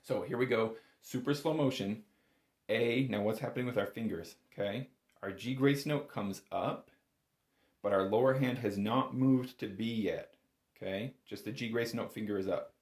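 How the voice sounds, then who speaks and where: A bagpipe instructor runs an informal lesson, speaking at normal speed in a darkish voice that sits on the low side. He often corrects himself, hedges, and hits key words with emphasis. The recording is roomy and echoing.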